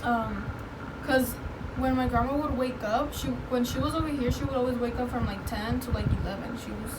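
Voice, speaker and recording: A woman casually telling a personal story to friends in a conversational way, often using "like" as a filler. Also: brisk. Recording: noisy, distant mic, background rumble.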